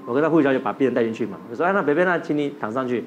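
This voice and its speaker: A man with a Taiwanese Mandarin accent tells a hospital story on a TV talk show at a breakneck pace. He acts out each line of dialogue, and his voice leaps around in pitch. Music plays underneath. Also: racing. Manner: animated, acts out the dialogue, bursts into laughter. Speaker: doctor guest.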